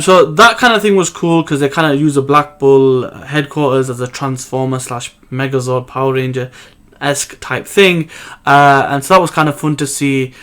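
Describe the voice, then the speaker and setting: A man's voice: medium pitch, fairly bright tone. A man hosting a manga review channel, recapping the chapter in a casual, rambling way with many fillers and self-corrections.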